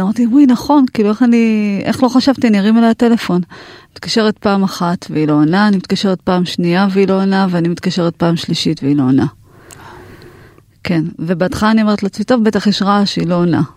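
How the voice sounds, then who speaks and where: A woman guest telling her story with halting restarts, her voice rising when she quotes herself. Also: mid-range voice, a little mellow, dry recording, studio quality. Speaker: guest, mother. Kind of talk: emotional personal storytelling.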